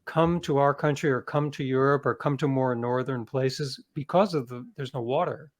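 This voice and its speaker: A medium-pitched American man answers as an interview guest. His explanations are conversational and sincere, broken by frequent halts and restatements.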